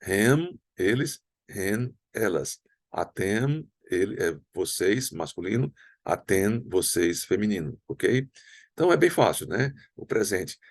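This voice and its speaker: A man with a very low voice and a Brazilian Portuguese accent teaches a recorded language lesson. He explains patiently and sounds out words slowly, again and again. The sound is dry and close, with no room around it. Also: expressive, no room sound. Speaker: Hebrew teacher.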